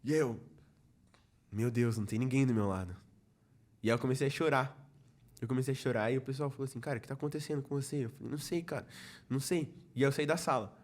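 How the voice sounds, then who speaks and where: Rapid-fire and medium-pitched, a young Brazilian youth ministry leader narrates his personal testimony as a podcast guest in a casual chat. As the story unfolds he voices the quoted exchanges and repeatedly says "falei assim".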